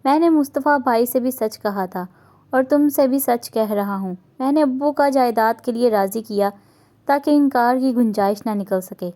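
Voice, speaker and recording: A woman's voice: fairly high pitch, dark tone, lightly acted. A woman voicing a young husband in a romance novel reading, teasing and earnest by turns. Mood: affectionate.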